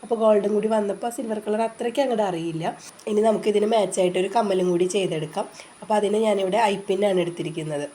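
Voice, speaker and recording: Fast-talking woman with a stuffy head cold. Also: mid-range voice, warm tone, a little hiss or hum. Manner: chatty, patient instructing with frequent filler sounds. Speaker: craft channel host. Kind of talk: casual step-by-step craft tutorial. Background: rain outside.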